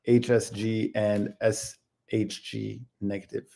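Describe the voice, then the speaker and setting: A man's voice: fairly low pitch, flat delivery, takes it slowly, vocal fry, mellow. A man co-hosting a casual live Q&A, reading viewer questions aloud in an easygoing way.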